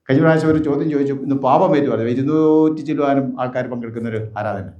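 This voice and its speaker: A man's voice: medium pitch, very fast, highs cut off. A man preaching a sermon as a bishop, asking rhetorical questions and answering them himself. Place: large echoing church. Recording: roomy church echo.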